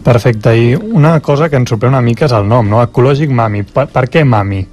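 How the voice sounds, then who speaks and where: A man's voice: mid-range voice, fairly quick, darkish tone. A man asking questions as a radio interviewer in a conversational way. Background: background music.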